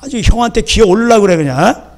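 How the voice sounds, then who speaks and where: A male pastor delivers a sermon, his voice sitting high for a man. He talks in a lively, conversational way and often stops to check that the congregation is following. Now and then he slips into acting out a stern parent. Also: fast. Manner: lively, acts out scolding parents. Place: church sanctuary.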